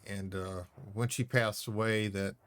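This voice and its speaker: Male streamer, fairly low voice, rambling casual chat, snarks back at the game. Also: fairly even intonation, a little slow, a bit bright, clean tone. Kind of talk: casual chat while playing.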